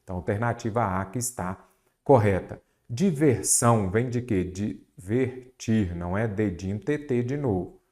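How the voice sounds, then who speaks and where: A man's voice: lowish voice, expressive, moderate pace, hardly any pauses, darkish tone. A Brazilian Portuguese teacher working through exam questions, asking and answering his own questions and stretching key words. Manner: repeats a mnemonic, stretches words for emphasis. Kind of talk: exam-prep lesson, solving questions aloud.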